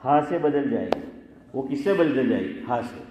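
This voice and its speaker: A man's voice: medium pitch, expressive, background noise. A man, an Islamic scholar, giving an informal lesson on recitation, questioning listeners by name and chanting phrases to show how they are said. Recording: echoey hall with long reverb.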